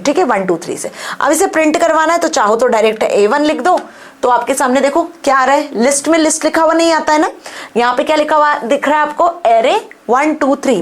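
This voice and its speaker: High-pitched female tutor; patient step-by-step lecturer who code-switches freely and keeps asking "understood?". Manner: explains step by step, checking understanding with repeated "okay?" and "understood?"; switches between Hindi and English mid-sentence. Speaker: computer science teacher. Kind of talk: classroom-style tutorial lecture.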